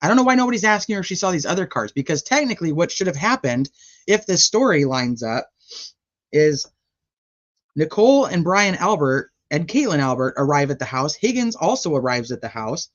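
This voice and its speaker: A woman's voice: low-pitched, very animated, brisk, muffled recording. Chatty woman rambling through a trial recap. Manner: rambling, chatty, with frequent fillers and laughs. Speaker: true crime channel host. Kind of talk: casual trial recap commentary.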